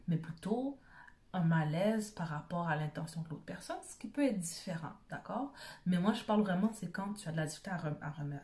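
A woman's voice: lowish voice, darkish tone. A woman with a Quebec French accent giving an informal motivational talk as a self-help coach, conversational and often checking in with short tag questions.

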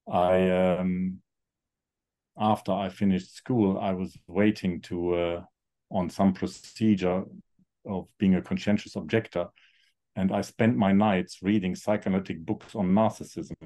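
Low-voiced man in his sixties. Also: warm tone. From Germany. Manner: thoughtful, halting, many fillers. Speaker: guest psychotherapist. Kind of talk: reflective interview talk.

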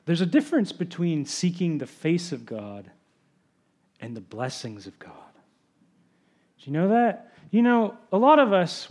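High-voiced man preaching a sermon. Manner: drops to a soft low voice for emphasis. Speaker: pastor.

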